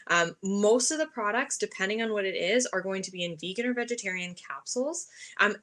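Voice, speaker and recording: A woman's voice: medium pitch, brisk, fairly bright tone. A woman in her thirties presenting health products informally, in a conversational, explanatory and enthusiastic way. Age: 30s. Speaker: health supplement presenter for a sponsor. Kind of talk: informal product talk at an online event.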